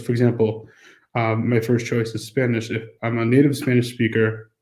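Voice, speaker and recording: In this screen-recorded walkthrough, an American-accented man from a school's staff explains a course registration form casually, using lots of fillers. He has a medium pitch and a darkish tone, and the audio is poor, with an echoey room.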